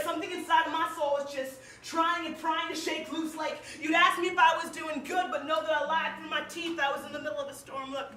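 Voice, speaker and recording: A young woman from Cleveland, Ohio, performs spoken word poetry at a small live music venue, emotional and emphatic, with many "like"s. Her voice is high and fairly bright, with a little hiss or hum in the audio. The recording has a roomy echo and sounds distant.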